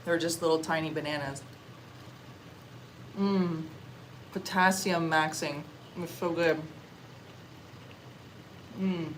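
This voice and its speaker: A young woman from Canada chatting casually on a livestream while eating, answering comments in a relaxed, chatty way with little murmurs of enjoyment. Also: deep voice, slow, long pauses, a little hiss or hum, low-quality recording. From Canada (Ontario). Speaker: livestream vlogger. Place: outdoors or open space in a warm country.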